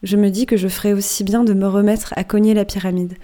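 A woman narrates as a cocky old-time sailor spinning a yarn about his dream, conspiratorial and amused. The voice is mellow and dark, steady in pitch, never rushed into a shout. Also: natural voice. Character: wry, boastful male sailor telling his dream. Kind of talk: audiobook reading.

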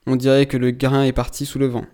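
A man's voice: mid-range voice, completely flat delivery, fast, dark tone, lightly acted. A man voicing a hot-tempered old sea captain who blusters and roars when angered. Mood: gruff, settled.

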